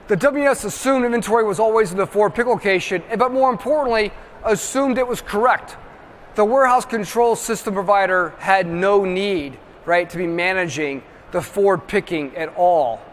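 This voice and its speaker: A man presents at a trade show, his voice sitting high for a man. He drives each point home with emphatic check-ins to the crowd. The sound rings out through a large, reverberant hall over a faint background hum. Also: a bit bright. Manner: emphatic, constantly checks in with "right?". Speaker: industry presenter.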